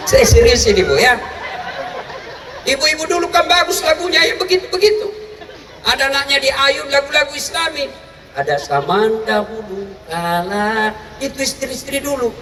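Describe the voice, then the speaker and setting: A male preacher giving a comic sermon to a large crowd, animated and often shouting in mock scolding. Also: extremely high pitch, moderate pace, a little hiss or hum. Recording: echoey hall from far off with crowd.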